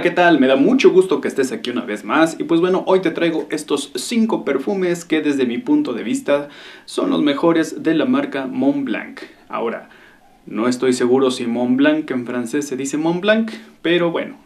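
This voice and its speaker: A man reviewing perfumes in a casual vlog, talking with eager sighs and exclamations. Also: medium pitch. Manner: enthusiastic, savoring sighs and exclamations.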